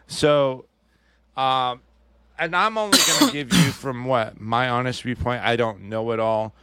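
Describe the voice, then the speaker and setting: In a podcast studio, a male co-host chats casually, hesitating, restarting often and hedging his opinions. His voice is medium-pitched, clear, sharp and resonant, his pace measured, and there is no echo.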